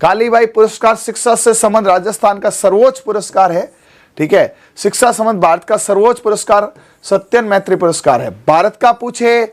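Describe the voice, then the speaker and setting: A man, teaching an exam coaching class in a studio. He keeps checking in with his students as he goes. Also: high voice.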